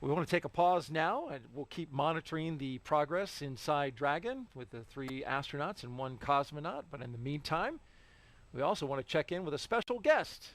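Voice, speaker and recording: A man with a slightly high voice anchors live launch coverage. He gives updates and commentary in broadcast style. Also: lively intonation, moderate pace.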